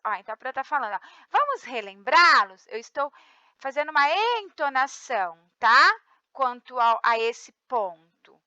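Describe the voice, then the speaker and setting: A woman's voice: sits high, pushed and bright, no echo, lo-fi sound. A Brazilian woman teaching a recorded class, reading the textbook aloud and often checking in with her students. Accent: Brazilian Portuguese. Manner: reads textbook aloud, checks in with frequent tag questions. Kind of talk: recorded remote class lesson.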